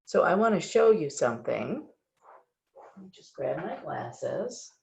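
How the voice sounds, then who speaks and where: A woman leading a children's yoga class, giving gentle, encouraging step-by-step instructions. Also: lowish voice, very animated, unhurried, creaky. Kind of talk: guiding a kids' yoga class. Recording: distant, very echoey, dull-sounding room recording.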